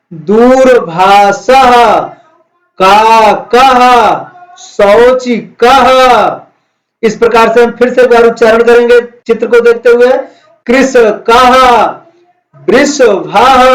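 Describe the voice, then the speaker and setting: A male Sanskrit teacher, explaining word meanings and slowly drilling each word for students to repeat. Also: sits high, rough recording. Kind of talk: classroom lesson explaining words.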